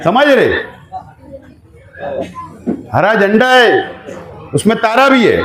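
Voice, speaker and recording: A man with a Maharashtrian Hindi-Urdu accent, an election candidate giving an exhorting campaign speech that rises to shouts. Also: high-pitched, big pitch swings, slow pace, crowd noise. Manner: exhorting, emphatic, rising to shouts. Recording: echoey room sound.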